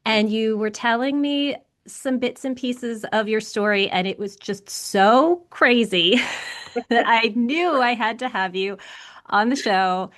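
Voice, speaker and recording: A woman's voice: on the high side, slow pace, a bit bright. A woman hosting a podcast about publishing, introducing her guest and asking questions with chatty enthusiasm. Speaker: podcast host. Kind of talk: podcast interview.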